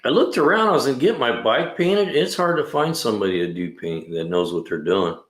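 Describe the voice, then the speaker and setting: In a slightly bright, medium-pitched voice, a mechanic in his sixties chats animatedly and a bit quickly on a casual livestream. Recorded in his echoing garage, he rambles in a relaxed way, leaning often on "man" and "you know."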